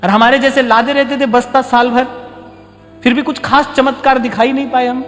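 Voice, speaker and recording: A man with a high-pitched voice gives a devotional sermon, speaking conversationally and repeating key lines for emphasis. His voice carries a long hall reverb, with faint music underneath. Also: level tone, moderate pace, fairly bright tone. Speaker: spiritual teacher giving a discourse.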